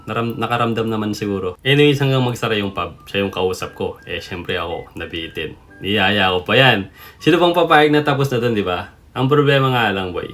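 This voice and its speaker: A man's voice: medium pitch, a bit bright. A man from the Philippines telling a personal story in a chatty, casual way, often calling the listener "boy".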